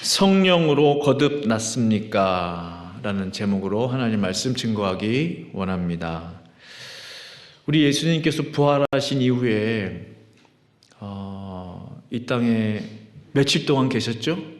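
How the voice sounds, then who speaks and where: A man leading worship as pastor, reading scripture in a drawn-out chant, praying with fervent pleading, and preaching in a conversational way that asks the congregation questions. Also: lowish voice, animated. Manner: rising, fervent pleading in prayer. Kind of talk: sermon with scripture reading and prayer. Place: church sanctuary. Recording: echoey church hall with long reverb.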